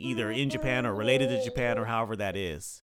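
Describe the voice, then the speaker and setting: A man's voice: medium pitch, quick pace, crowd noise. A man hosting an interview podcast, chatting in a friendly, jokey way with his guest. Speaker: podcast host. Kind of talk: casual conversational interview.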